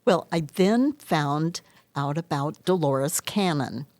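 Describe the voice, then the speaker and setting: A woman speaking as an interview guest and hypnotherapist, explaining and telling of her work in earnest, measured short phrases. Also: deep voice, animated, a little mellow, dry recording. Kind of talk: interview answers, explanatory storytelling.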